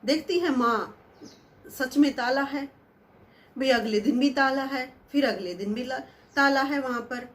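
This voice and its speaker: Woman telling a story, high voice, chatty, thinks out loud. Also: a little slow. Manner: chatty, musing aloud with fillers. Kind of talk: casual spoken storytelling.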